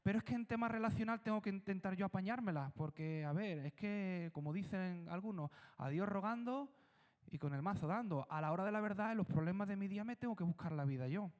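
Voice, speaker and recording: A man's voice: sits high, expressive, a little fast, darkish tone. A man with a Spanish accent from Spain preaching a sermon as pastor, telling the story with drama and acting out voices in conversation. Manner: dramatic storytelling, acts out dialogue with God and disciples.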